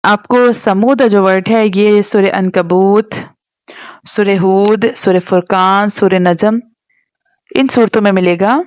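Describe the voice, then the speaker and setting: A woman teaching a tajweed lesson, spelling words out letter by letter in long drawn-out recitation, then explaining quickly. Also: medium pitch, steady tone, dry recording.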